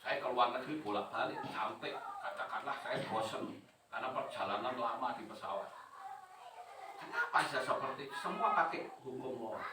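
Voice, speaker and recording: A man preaching a sermon to his congregation, animated and chuckling, often putting questions to them. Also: medium pitch, normal speed, background noise. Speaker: pastor. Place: church hall. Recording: roomy hall, voice from a distance.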